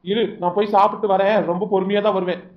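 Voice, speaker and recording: Cartoon husband, stubborn and curt, voiced by a woman, quick talk, dull lo-fi sound. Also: mid-range voice, little pitch movement, natural voice. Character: stubborn uncaring young husband. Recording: dull lo-fi recording.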